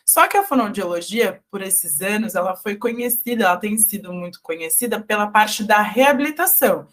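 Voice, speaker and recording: A woman's voice: mid-range voice, animated, moderate pace, fairly bright tone. A Brazilian woman, a speech therapist, explaining her field in a didactic radio interview, moving through terms one by one. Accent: Brazilian Portuguese. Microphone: studio radio microphone.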